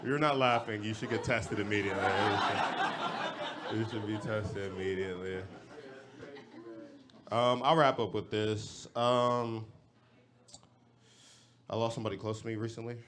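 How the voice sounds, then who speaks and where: A man's voice: fairly low pitch, moderate pace, long pauses, a little hiss or hum. Young man doing casual stand-up. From Los Angeles. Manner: casual, slangy, deadpan delivery. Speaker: stand-up comedian. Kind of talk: stand-up comedy set. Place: comedy club stage.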